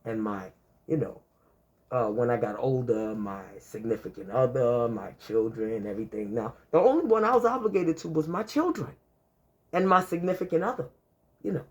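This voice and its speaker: This advice vlogger, in their fifties, talks at a normal speed with lively intonation and a mid-range, slightly mellow voice, though the audio sounds dull. Their casual, repetitive guidance to camera piles on long lists of examples and plenty of "you know."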